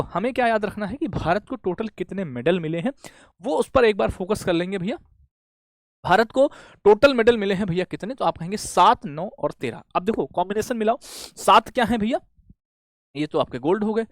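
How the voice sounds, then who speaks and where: A man with a rather high voice teaches an exam-prep lesson. He fires off quick questions, answers them himself and keeps checking in with friendly fillers. He is recorded up close in a dry room with no echo. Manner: asks quick questions and answers them himself, says "bhaiya" and "theek hai" often. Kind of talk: classroom lecture with call-and-response questions.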